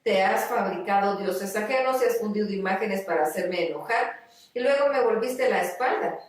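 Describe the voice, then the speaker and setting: A woman reading the words of a stern old blind male prophet in a solemn, measured way. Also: medium pitch, lightly acted. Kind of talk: scripture reading. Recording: very echoey room, far from mic.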